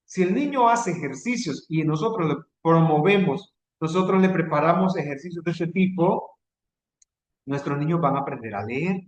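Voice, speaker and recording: A man's voice: fairly high pitch, expressive, moderate pace. Man, Salvadoran accent, online lecture, conversational asides, echoey room on call. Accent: Salvadoran Spanish. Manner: conversational, checks in with rhetorical asides. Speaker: teacher leading a training session. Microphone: video call.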